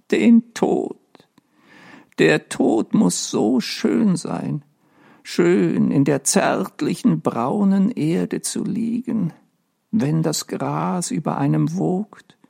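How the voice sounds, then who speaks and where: A man's voice: lively intonation, creaky, dark tone, slightly rough, heavily acted. A man voicing a sad, sleepless centuries-old male ghost who speaks in a dreamy, plaintive way. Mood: wistful. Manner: dreamy, plaintive, higher and slower.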